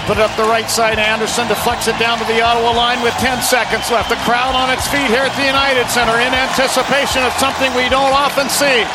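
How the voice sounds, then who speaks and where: A man calls rapid hockey play-by-play as a live announcer, shouting drawn-out calls at big moments. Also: very high voice, very noisy. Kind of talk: live sports commentary. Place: sports broadcast booth at an arena.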